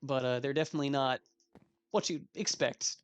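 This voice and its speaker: A man's voice: medium pitch, steady tone, moderate pace, a little hiss or hum. A 21-year-old man giving casual gameplay commentary as a let's play host, rambling with self-mocking asides.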